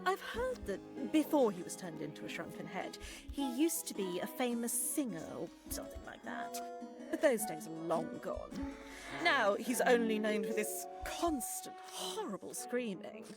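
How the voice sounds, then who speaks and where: An actress voicing an airy, new-age goddess of fate in a video game, gushing and calling everyone darling. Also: female voice, mid-range voice, big pitch swings, normal speed. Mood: breezy, dreamy. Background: game music.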